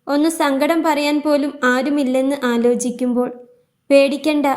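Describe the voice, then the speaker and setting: A woman voicing a weary, grieving young widowed mother who speaks in a soft, tearful, pleading way. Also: high voice, lightly acted.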